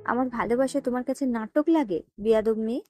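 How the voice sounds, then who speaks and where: A woman narrator doing a jealous, hot-tempered young man who shouts and grits his words through clenched teeth in an audio story. The voice sits fairly high and mellow, recorded close and dry. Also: brisk, dry recording, faint music behind, close to an everyday voice. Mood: angry.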